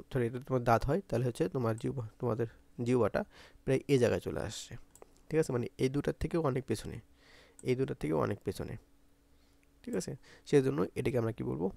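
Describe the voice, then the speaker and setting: A man with a Bangladeshi Bengali accent teaches an exam-prep grammar lesson. His voice is gravelly and mellow, recorded dry and close. He keeps repeating points and asks pupils to say the sounds aloud. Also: mid-range voice, fast talker, pauses often, dry recording.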